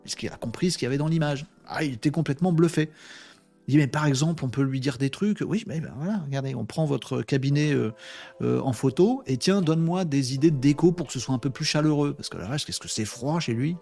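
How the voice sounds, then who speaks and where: A man's voice: on the high side, fast talker, vocal fry, faint music behind. A man hosting a casual live webinar, telling anecdotes with playful sound effects and reading out viewer comments. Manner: lively, animated storytelling with sound effects like "bim"; reads viewer comments aloud. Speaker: host of a daily live webinar. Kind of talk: casual live-stream chat.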